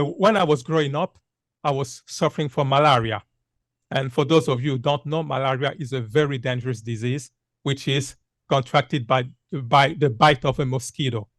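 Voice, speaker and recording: A man's voice: mid-range voice, normal speed, fairly bright tone, dry recording. Earnest man in his fifties, dry sound. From Congo. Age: 50s. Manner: earnest, repetitive, many "uh" fillers. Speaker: speaker giving a health talk. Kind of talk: public talk with slides.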